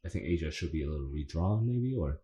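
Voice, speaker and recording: A man's voice: very deep voice, lively intonation, fast, warm tone, muffled recording. A young man hosting a podcast, chatting casually and rambling with lots of fillers and restarts. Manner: rambling, hesitant, many fillers. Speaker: podcast host.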